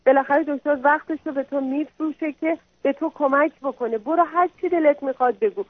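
A woman's voice: sits high, no room sound. Apologetic woman calling in over a phone. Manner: apologetic, pleading, deferential. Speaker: caller, a mother. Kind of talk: call-in conversation. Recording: tinny phone line.

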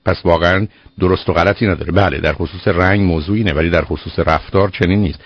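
A man's voice: low voice, breathy edge, no echo. A man hosting a call-in advice show on the radio, firm and lecturing, cutting in on the caller. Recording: dull lo-fi radio broadcast.

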